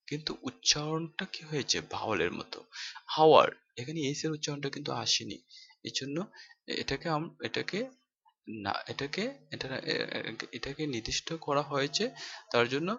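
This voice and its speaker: A man teaching English pronunciation, explaining each rule slowly, repeating phrases and asking rhetorical questions. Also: medium pitch, creaky, bright, forceful tone. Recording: dull lo-fi home recording.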